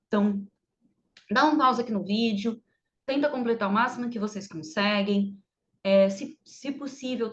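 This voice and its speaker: A woman English teacher with a fairly high voice explains grammar in a chatty way, stretching out each English example slowly. The recording sounds a little dull and lo-fi. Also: fairly bright tone. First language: Portuguese.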